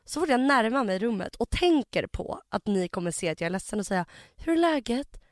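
A young woman co-hosting a casual podcast, telling stories in an animated way and acting out what people said. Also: medium pitch, no room sound, clean studio sound. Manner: animated storytelling that acts out quoted voices. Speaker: podcast co-host.

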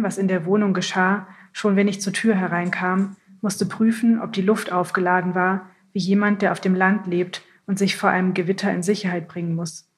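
A woman narrating a literary audiobook in the first person, reading in a calm, measured way. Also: medium pitch.

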